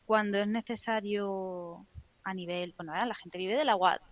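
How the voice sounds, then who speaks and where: A woman's voice: mid-range voice, fairly even intonation, moderate pace, no echo, dull audio. A woman from La Mancha, a guest on a podcast, talking casually and a little hesitantly. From Almagro, Ciudad Real, Spain. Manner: hesitant, chatty with laughs.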